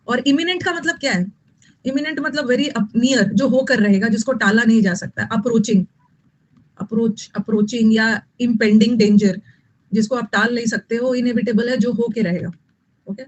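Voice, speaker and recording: A woman's voice: a little high, highs cut off. A woman teaching English vocabulary in an online exam-prep lesson, repeating key words and scolding students.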